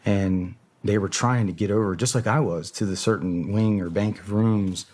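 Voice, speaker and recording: A man's voice: lowish voice, fairly even intonation, normal speed, darkish tone. A man, a podcast guest, telling a story in casual talk, swearing bluntly and often stopping to search for words. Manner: profane, blunt and hesitant.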